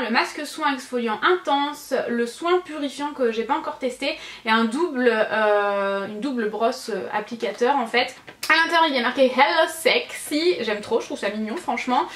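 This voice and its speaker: A woman with a high voice chats through a beauty haul, gushing over every box and filling gaps with little hesitations. She corrects herself often and keeps it casual. The room around her rings with echo. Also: fairly bright tone. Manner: chatty, gushing, many fillers and self-corrections. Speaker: beauty vlogger. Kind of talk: casual product review.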